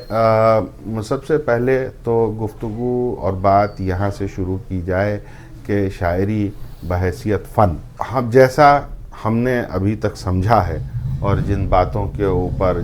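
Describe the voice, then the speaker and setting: Low-voiced guy hosting, slow and thoughtful, lots of um and ah. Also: a little mellow, slight background noise. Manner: measured, hesitant with many fillers. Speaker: host. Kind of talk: interview.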